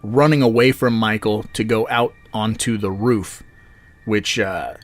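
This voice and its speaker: A man's voice: on the low side, a little slow. A man co-hosting a podcast who rambles with fillers and laughs often while discussing a horror film. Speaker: podcast co-host.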